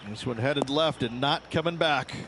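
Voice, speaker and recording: A man's voice: mid-range voice, moderate pace, noisy background, natural voice. A man giving conversational color commentary as a golf analyst in a video game. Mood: easygoing, candid.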